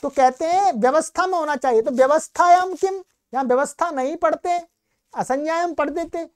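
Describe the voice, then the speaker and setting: A woman with a high-pitched voice gives a recorded Sanskrit grammar lecture. She explains patiently and steadily. She keeps posing questions to the class and then answering them herself. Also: a little fast.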